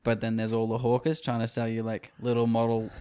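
A man's voice: medium pitch, completely flat delivery, fairly quick, warm tone, clear, resonant tone. A man co-hosting a film review podcast in casual chat, riffing on jokes and laughing easily. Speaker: podcast co-host.

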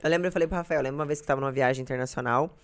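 Chatting casually on a podcast as a guest, a young Brazilian woman races through self-deprecating stories in an extremely low-pitched voice.

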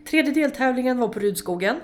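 A woman tells race-day stories in a relaxed interview, her voice lively and unfiltered as she swears freely and laughs at herself. A faint hum sits under the recording. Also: high-pitched. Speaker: interview guest, amateur racing driver. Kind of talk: casual interview storytelling.

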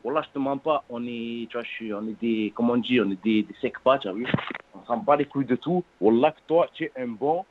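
A man in his twenties with a French suburban accent calls in by phone, chatting in street slang in an earnest, halting way, repeating oaths and words. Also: medium pitch, slight background noise. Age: 20s. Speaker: phone-in caller. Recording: narrow, tinny phone-line sound.

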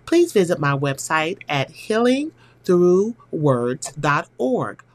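A podcast host and counselor with a low voice delivers a scripted, inspirational monologue slowly, her pitch swinging widely. She speaks directly to the listener in an earnest, emphatic way.

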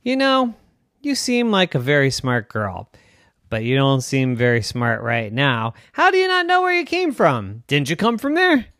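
A friendly, chatty walrus, voiced by a man telling a bedtime story, high and bouncy. The voice swoops all over and sits close and dry in the ear. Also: wildly swooping pitch, moderate pace, fairly bright tone, dry recording.

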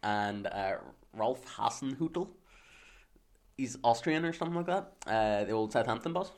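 A man's voice: medium pitch, lively intonation, normal speed. A young Northern Irish man co-hosting a podcast, chatting casually, rambling with lots of fillers and laughs. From Northern Ireland. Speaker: podcast co-host. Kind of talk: casual chat.

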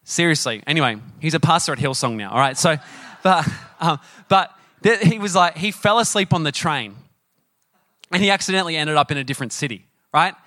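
A middle-aged man preaching a sermon, telling personal stories in a chatty, animated way and often asking the audience questions. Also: a little high, a little fast, no room sound. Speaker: pastor.

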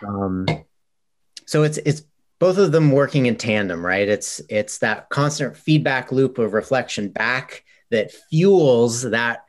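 A guest in a casual chat, reflecting slowly and thoughtfully, with many fillers. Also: medium pitch, lively intonation.

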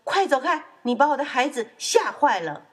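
A woman voicing an angry, protective mother duck in a children's storybook, scolding loudly. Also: sing-song, normal speed, breathy edge, exaggerated voice. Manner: loud, shrill scolding.

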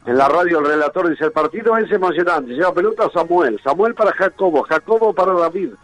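A man's voice: high voice, lively intonation, a little fast, a bit bright, soft background music, poor audio. Rioplatense man telling jokes on radio. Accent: Rioplatense Spanish. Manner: laughs at his own jokes. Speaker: joke teller on radio. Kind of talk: rapid-fire joke telling.

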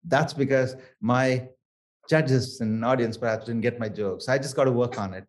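A man's voice: medium pitch, moderate pace. A man from southern India, a native Tamil speaker with a thick South Indian accent, talking conversationally as an interview guest. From Chennai area, Tamil Nadu, southern India. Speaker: interview guest, Toastmasters member.

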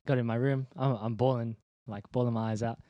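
A man's voice: mid-range voice, steady tone, fairly quick, dry recording, dull audio. A young man giving a personal faith testimony in an interview, laid-back and slangy, with many ums and restarts. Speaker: interview guest, church leader.

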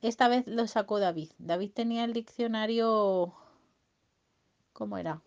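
A woman's voice: mid-range voice, a little slow, darkish tone, lo-fi sound. Playful woman telling a bedtime story. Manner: playful, sings silly songs and sound effects. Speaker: storyteller to a child.

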